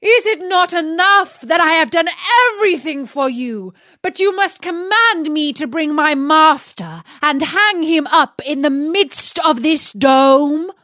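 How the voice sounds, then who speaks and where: Storybook genie, male spirit, enraged and shouting; a woman reader voices him with a raised, strained pitch. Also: expressive, a little slow, hardly any pauses, no room sound, studio quality, full character voice. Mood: furious. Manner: shouting, outraged. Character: furious shrieking male genie, enslaved spirit.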